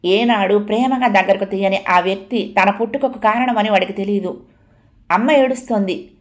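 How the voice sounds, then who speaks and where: A woman reading a novel aloud as dramatic, expressive audiobook narration. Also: medium pitch, a little fast.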